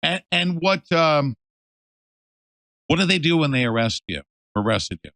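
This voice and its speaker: A male host in a casual interview, emphatic and animated, swinging from loud to hushed. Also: on the high side, a little slow, no echo.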